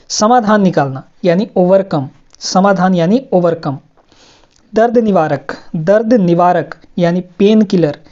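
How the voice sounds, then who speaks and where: A woman's voice: mid-range voice, warm tone, lo-fi sound. A woman teaching English vocabulary to students, explaining word meanings patiently and repeating each word with frequent check-ins.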